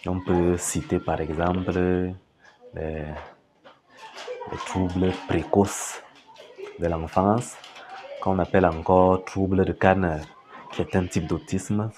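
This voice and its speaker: Special educator in an interview: very deep voice, slow and measured. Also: male voice, a little mellow, slight background noise. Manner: measured and explanatory. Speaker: special educator and teacher trainer. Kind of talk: documentary interview, explanatory.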